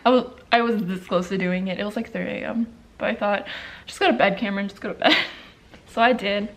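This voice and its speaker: A woman's voice: medium pitch, steady tone, a little fast, fairly bright tone. A young woman vlogging at home, chatting casually to camera between bites of a sandwich, rambling with lots of likes and restarts. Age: young adult. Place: at home indoors by a window.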